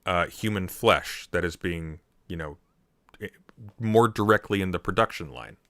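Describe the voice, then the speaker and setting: A low-pitched man hosts a casual talk show and argues with emphatic, ranting energy. His voice is bright and forceful, often stumbling over restarts. The sound is close and dry. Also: normal speed, dry recording. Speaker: host. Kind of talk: casual podcast commentary.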